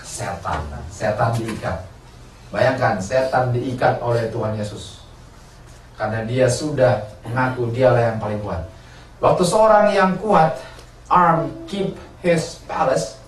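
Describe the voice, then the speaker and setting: A man's voice: medium pitch, takes it slowly, a little hiss or hum. A man preaching a sermon, asking his congregation questions and answering them himself. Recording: roomy, from a distance, faint ambience.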